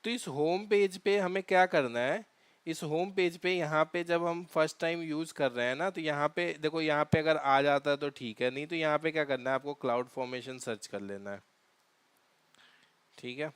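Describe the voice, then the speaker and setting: A man's voice: on the high side, smooth, no echo. A man teaching a cloud DevOps tutorial over a screen share, explaining step by step with frequent fillers and restarts. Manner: halting, many fillers and restarts.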